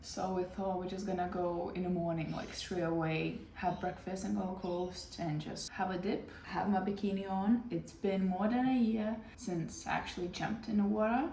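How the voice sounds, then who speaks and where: A woman's voice: mid-range voice, steady tone, moderate pace, few pauses, dark tone. Woman, vlogger, casual chat to camera, informal, thinking aloud, echoey sound, noticeable background noise. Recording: roomy echo, clear ambient background noise.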